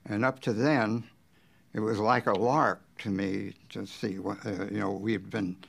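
A man's voice: lowish voice, steady tone, unhurried, vocal fry. An elderly man, a war veteran, remembering in a rambling way in a documentary interview. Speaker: war veteran, former officer.

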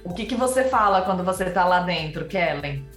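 A woman's voice: lowish voice, animated, fairly quick, fairly bright tone. A woman, co-hosting a casual chat and prompting the others with questions. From São Paulo, Brazil. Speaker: co-host. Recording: roomy echo, light music.

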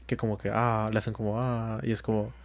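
A man co-hosting a casual chat, relaxed and self-deprecating, often chiming in. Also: fairly low pitch, a little fast, gravelly.

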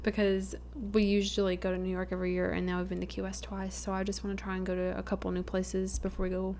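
A woman's voice: mid-range voice, completely flat delivery, quick pace, a little mellow, slight background noise. A young adult woman co-hosting a podcast, chatting casually and playing up her own drama. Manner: chatty, self-mockingly dramatic. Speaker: podcast co-host. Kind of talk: casual chat.

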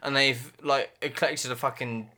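A man's voice: mid-range voice, fairly even intonation, unhurried, sharp tone. A British man bantering casually as a podcast co-host, sweary and insistent as he argues his points.

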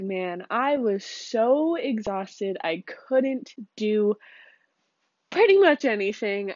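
A young woman who is sick with a cold and cough hosts a casual solo podcast from a home room with a fan running. She rambles and laughs often, dropping plenty of ums and likes. Her mid-range voice comes through a dry, lo-fi recording.

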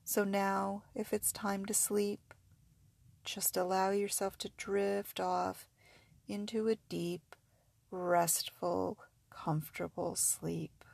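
Female sleep-story style hypnosis narrator: unhurried, soothing, repetitive, close and dry-sounding. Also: medium pitch, level tone, gravelly, darkish tone, no echo. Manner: soothing, repetitive, suggestive phrasing.

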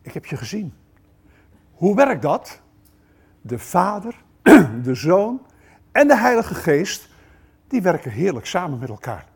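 A man preaching a sermon in a church service, animated and turning to the congregation with questions, moving between loud outbursts and hushed lines. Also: high-pitched, takes it slowly, pauses often, slightly rough. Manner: talks directly to the congregation with questions.

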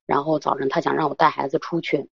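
A woman's voice: low-pitched, level tone, fast talker, gravelly, slightly rough, dry recording, lo-fi sound. A woman in her thirties calling an advice show, talking hesitantly with many fillers. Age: 30s. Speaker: caller. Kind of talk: call-in advice talk.

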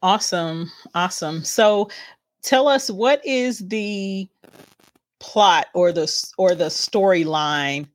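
A woman's voice: lowish voice, slow, no room sound. A woman hosting a podcast interview, asking upbeat, brief questions with a few fillers. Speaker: podcast host.

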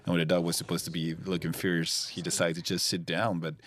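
A man giving casual director's commentary on a film, talking haltingly and often repeating words. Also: low-pitched, level tone, fairly bright tone.

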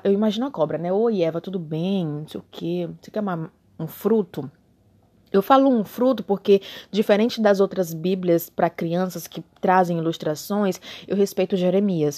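A woman's voice: fairly low pitch, warm tone. A tipsy woman reads the Bible aloud and mocks it in a casual, comedic way, swearing and drawling sarcastically. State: tipsy from beer. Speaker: comic commentator reading the Bible.

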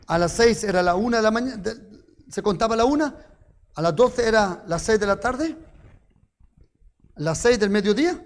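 A man preaching a sermon, telling stories with rhetorical questions and touches of humor. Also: high-pitched.

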